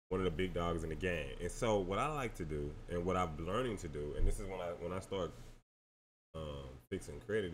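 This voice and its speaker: A man's voice: sits low, slight background noise. A tired man talking casually and slangy through a screen-share tutorial, addressing viewers as y'all. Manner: laid-back, slangy, talks to viewers as y'all. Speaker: credit repair vlogger.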